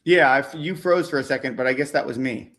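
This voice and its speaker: A man on a video call talking through stock signals in a casual livestream chat, halting and repeating words and often tagging sentences with "right?". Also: mid-range voice, a bit bright. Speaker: stock market analyst.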